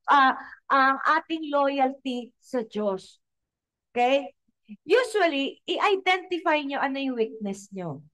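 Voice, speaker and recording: A woman's voice: high voice, a bit bright. A woman pastor preaching a sermon, talking straight to her congregation and switching between Tagalog and English phrases.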